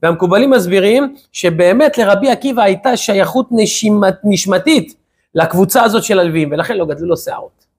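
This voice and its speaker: A rabbi with a high-pitched, husky voice leads a weekly Torah lesson. Storytelling with energy, he repeatedly puts rhetorical questions to his listeners.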